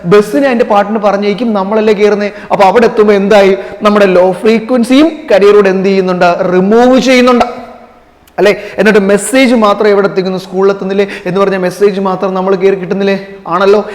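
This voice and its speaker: A man's voice: sits high, steady tone, fast. A man teaching physics to students, asking questions and answering them himself, checking again and again that they understood and calling them children. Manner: addresses listeners affectionately as children. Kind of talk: classroom-style lecture to students. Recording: long reverberant room echo.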